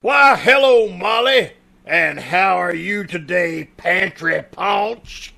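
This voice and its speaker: A woman's voice: lowish voice, takes it slowly, creaky, pushed and bright, exaggerated voice. A woman playing a pompous, sardonic small-town doctor in old-time radio comedy, wry and theatrical. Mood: jovial insult.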